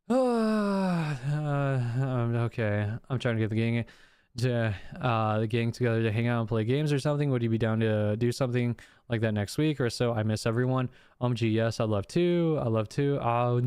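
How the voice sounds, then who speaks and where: A man's voice: mid-range voice, clear, resonant tone, no room sound, studio quality. Man, streamer type, reading logs off screen, plain mid voice, breaks off to comment. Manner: reads text flatly, breaks off with swearing and laughs. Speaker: streamer reacting to a document. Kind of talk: casual reading of messages aloud with commentary.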